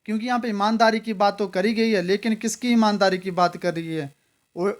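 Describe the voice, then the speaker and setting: Male grammar tutor, fairly high pitch, drilling exam rules through rhetorical questions. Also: fairly even intonation. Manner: reads example sentences slowly and deliberately. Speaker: English grammar teacher. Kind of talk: exam-prep grammar lesson.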